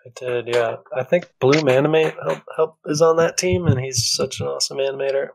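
Young male co-host, enthusiastic, casual chat, fry in the voice. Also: medium pitch, steady tone, fairly quick, background noise. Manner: upbeat and enthusiastic, hesitant ums. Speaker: podcast co-host. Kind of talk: casual gaming podcast chat.

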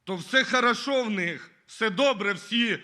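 A man's voice: high voice, a little slow, bright, forceful tone. A man giving his testimony at a church service, earnestly reading scripture and often calling the listeners brothers and sisters.

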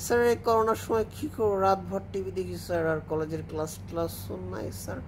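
A man's voice: sits high, fast talker, background noise, lightly acted. A man voicing a drowsy male student who mumbles sluggishly.

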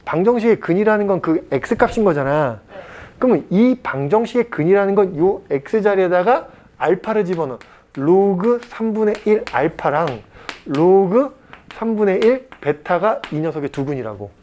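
A man's voice: high-pitched, expressive, a little slow, a little mellow, muffled recording. Blunt chatty male math tutor. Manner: blunt, chatty, keeps asking students rhetorical check-in questions; mock-scolding, joking lecture to teens. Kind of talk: classroom math lecture. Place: classroom at a private cram school.

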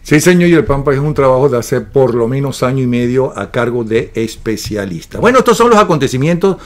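A male news-show host with a voice of middle pitch and an even, ordinary timbre. He talks in a casual, teasing way, throwing quick questions at his co-host between sponsor credits.

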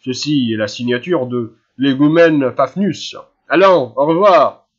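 A man's voice: mid-range voice, measured pace, husky, muffled recording. A man voicing a genial, hasty older general in an audiobook, with an affable, reassuring manner. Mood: hurried. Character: hurried, genial older general, husband and father. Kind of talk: audiobook character reading.

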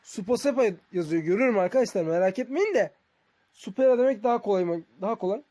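A man's voice: sits high, animated, quick pace, mellow. A man giving casual, conversational game commentary to his viewers as a streamer. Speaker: gaming streamer.

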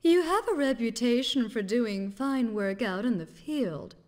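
An imperious, sultry news chief in a video game. She drawls each line slowly and condescendingly, her tone rising and falling a lot. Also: fairly high pitch, expressive, a little mellow. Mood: haughty. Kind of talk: game voice acting.

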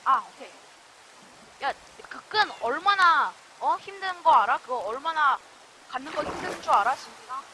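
Brief: excitable woman game host, very high voice, shrieky, over clear background noise. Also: normal speed. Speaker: gaming video host. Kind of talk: excited let's-play commentary.

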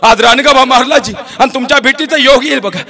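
Guy doing a high teary village boy begging, super earnest. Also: fairly quick, bright, forceful tone. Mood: tearful pleading. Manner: pleading, tearful, insistent. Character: young village boy, earnest and devoted, pleading.

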